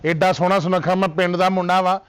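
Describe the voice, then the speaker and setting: A man's voice: high-pitched, little pitch movement, quick pace, clear, resonant tone, lightly acted. A man playing a boastful, cheeky young village bachelor in a comedy skit, speaking.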